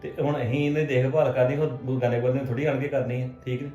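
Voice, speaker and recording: Man as husband stuck in the middle; soothing, coaxing tone; roomy echo, soft music behind. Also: medium pitch, little pitch movement, fast, dull audio, lightly acted. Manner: soothing, keeps asking for agreement. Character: peacemaking husband caught between mother and wife. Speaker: husband in a family drama. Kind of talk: scripted domestic drama acting.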